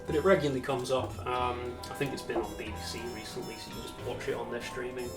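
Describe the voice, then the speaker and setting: A man's voice: mid-range voice, fairly even intonation, quick pace, far from the mic. A man, chatting and laughing often as a podcast co-host. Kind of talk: casual chat reacting to music. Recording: echoey room, mic set back, music playing.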